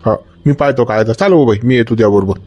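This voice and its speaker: A man's voice: mid-range voice, fast talker, a little mellow, dull audio, lightly acted. A man playing a worried, talkative village uncle in a comedy sketch, speaking. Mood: chiding. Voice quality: rustic, coaxing, talkative. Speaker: village elder visiting hospital.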